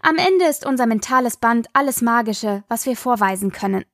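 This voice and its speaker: A woman reading an audiobook, voicing a quiet, gloomy teenage sister who mutters. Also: fairly high pitch, expressive, brisk, no echo, clean studio sound. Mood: glum. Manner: muttering, glum.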